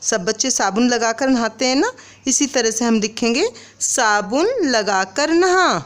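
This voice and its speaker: A woman's voice: a little high, normal speed, smooth. A woman teaching young children to spell, sounding out words syllable by syllable and asking them questions. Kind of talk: children's Hindi lesson.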